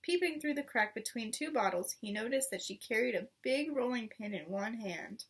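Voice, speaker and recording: Casting: woman storybook reader, high-pitched, expressive, recorded some distance from the mic. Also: normal speed, husky. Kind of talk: expressive children's read-aloud narration.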